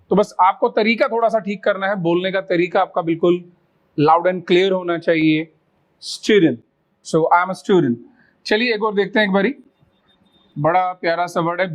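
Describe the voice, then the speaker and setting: High-voiced man coaching English pronunciation. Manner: coaxes viewers to repeat words, drills example sentences slowly. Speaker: English teacher. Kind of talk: spoken English lesson.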